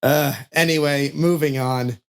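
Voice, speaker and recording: A man's voice: fairly high pitch, steady tone, measured pace, clean tone. A man hosting a casual podcast chat. He laughs often, talks in an easygoing, playful way and tends to ramble and trail off mid-thought. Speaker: host.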